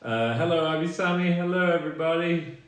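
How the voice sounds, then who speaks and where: A man's voice: fairly high pitch, brisk. A man co-hosting a live stream, chatting casually and thanking viewers one by one, his voice ringing in a big hall echo. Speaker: streamer co-host. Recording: very echoey room.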